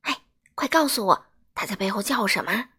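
A woman voicing a clever, short-tempered gentleman in a storybook, who talks in an eager, demanding way. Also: mid-range voice, animated, brisk, husky, exaggerated voice.

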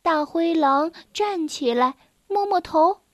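A woman narrates a children's storybook, clear and expressive. Her voice sits high. The recording is close and dry. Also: slow, dry recording.

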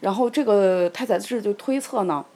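Lively woman telling a folktale. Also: mid-range voice, moderate pace. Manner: lively, animated storytelling. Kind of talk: retelling a story in casual chat.

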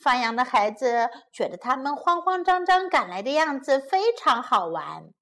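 A woman teacher telling a children's story in a gentle, slow, clearly enunciated reading style, switching between two languages line by line. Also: high voice, big pitch swings.

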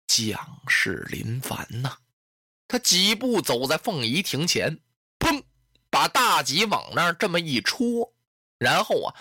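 A storyteller telling a classic tale in an animated way, voicing sound effects and adding asides. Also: mid-range voice, breathy edge, dry recording, clean studio sound. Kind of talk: traditional storytelling.

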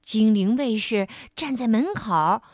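A woman narrating a bedtime story for young children, gently speaking to the child as her little darling. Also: a little high, lively intonation, takes it slowly, no room sound, clean studio sound. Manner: gentle, addresses the child as baby.

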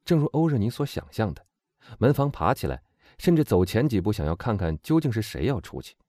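A man narrating a classic novel as an audiobook reader, measured and expressive. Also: lowish voice, dry recording, studio quality. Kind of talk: scripted narration.

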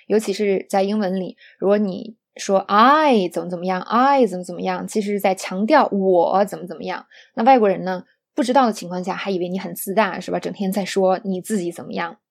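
A woman teaching an online pronunciation lesson, explaining patiently, often asking "right?", and slowing down to demonstrate English examples. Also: medium pitch, creaky. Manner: explanatory, rhetorical tag questions; switches to slow English demonstrations.

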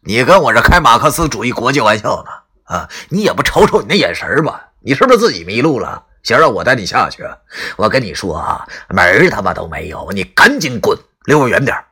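Man putting on a cursing hothead, loud and forceful. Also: medium pitch, sing-song, brisk, breathy edge, heavily acted. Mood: scornful. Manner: swearing, threatening. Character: hot-tempered young village bully, gruff.

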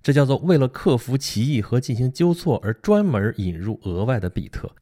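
A man whose first language is Mandarin Chinese explains a book in a casual spoken lecture, conversationally peppering listeners with rhetorical questions. His medium-pitched voice is very animated and dark in tone, at a moderate pace.

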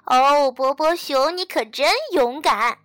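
A woman's voice: fairly high pitch, big pitch swings, a little slow, creaky, sharp tone, no room sound, faint music behind, heavily acted. A woman voicing a stern but kind male camp teacher in a children's story.

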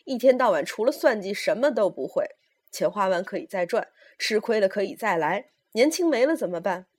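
A woman reader puts on a fierce old lady close to seventy, raising her voice and lashing out at the young people around her. She scolds loudly and keeps shouting as she lectures them in this read-aloud story. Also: mid-range voice, animated, fairly quick, natural voice. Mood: scolding. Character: fierce sharp-tongued woman near seventy.

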